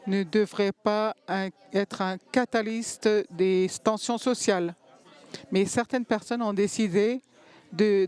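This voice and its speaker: Slow, halting woman interpreting a talk. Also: medium pitch, a little mellow, clean tone. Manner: halting, pausing to find words. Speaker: simultaneous interpreter. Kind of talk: simultaneous interpretation of a panel talk.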